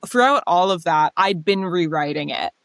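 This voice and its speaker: A woman's voice: lowish voice, expressive, normal speed, a bit bright, no room sound. A woman telling her story as an interview guest in a casual, chatty, self-deprecating way, saying "like" often.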